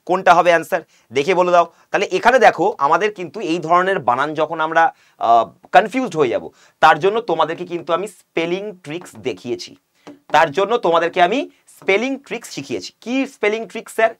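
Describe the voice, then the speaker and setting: A young man with a Bengali accent gives an exam-prep English lesson in a fairly high voice. He reads each question out slowly, then explains it by asking and answering his own questions. He sounds like an online coaching video. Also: lively intonation, a bit bright. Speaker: English teacher.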